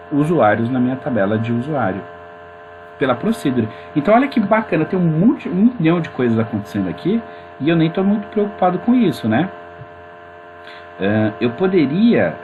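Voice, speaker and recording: A man's voice: mid-range voice, lo-fi sound. A man teaching a programming class in a casual, chatty way, talking viewers through his screen. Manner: chatty and informal, addresses viewers as gente. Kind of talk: screen-recorded coding tutorial. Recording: mains hum in background.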